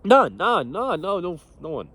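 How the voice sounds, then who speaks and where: A man's voice: high voice, sing-song, a little slow, a bit bright, husky, dry recording. Blunt, profane young man coaching fitness. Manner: blunt, profane, laughs often. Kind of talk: casual motivational talk.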